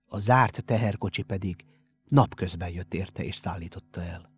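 A man narrating an audiobook in a steady storytelling manner. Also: deep voice, slightly rough, faint music behind. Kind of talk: scripted narration.

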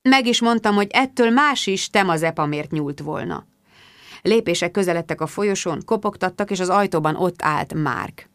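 A woman's voice: lowish voice, no echo, clean studio sound. Woman narrating a wry audiobook. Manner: lively, wry first-person storytelling.

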